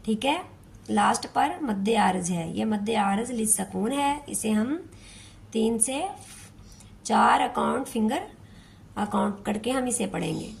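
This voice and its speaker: With a mid-range voice, lively intonation, and vocal fry, a woman teaches Quran recitation one step at a time. She repeats every word slowly and patiently, chanting the lines in a long, drawn-out way for this tajweed lesson.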